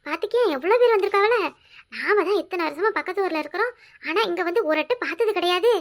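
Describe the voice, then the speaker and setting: A woman voicing a bossy, devout village woman in a cartoon comedy, with a shrill scolding manner and a Kanyakumari Tamil accent. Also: lively intonation, fast.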